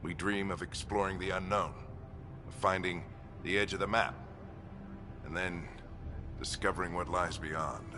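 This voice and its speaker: An actor playing a seasoned, fatherly commander in a video game, measured, authoritative and inspiring. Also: deep voice, steady tone. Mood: rousing, commanding. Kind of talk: cinematic video game acting.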